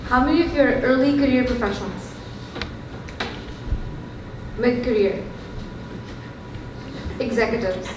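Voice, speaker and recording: Telling her own story at a lightning talk, a young startup founder from India speaks to the audience in an Indian accent, candid and conversational, with plenty of ums. Her slightly high voice is unhurried, with long pauses, and reaches the mic from a distance through a very echoey, noisy hall.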